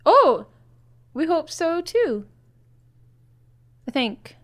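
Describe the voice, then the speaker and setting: A woman's voice: very high-pitched, very animated, extremely slow. A woman playing a tabletop game, improvising casually in a polite, friendly manner. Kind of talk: casual improvised role-play.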